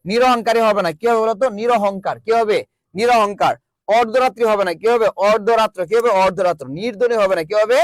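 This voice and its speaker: In a virtual classroom, a man teaches an online grammar class, drilling students with call-and-response and repeating each question. His voice is high-pitched and brisk, with no echo.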